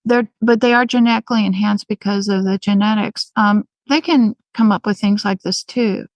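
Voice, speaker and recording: A woman guest answers questions in an earnest, halting way, often pausing with ums and starting over. Her voice sits in a middle pitch and sounds dry and close, with no room echo. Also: steady tone, highs cut off. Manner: earnest, many ums and restarts. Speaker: interview guest. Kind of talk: remote interview conversation.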